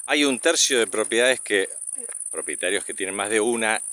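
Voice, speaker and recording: Bright-voiced Argentine man chatting outdoors. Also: lowish voice, moderate pace. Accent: Rioplatense Argentine Spanish. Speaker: father filming a family vlog. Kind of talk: casual narration and chat with a child. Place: outdoors, walking along a path. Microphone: handheld camera or phone, held by speaker. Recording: outdoor recording with clear background noise.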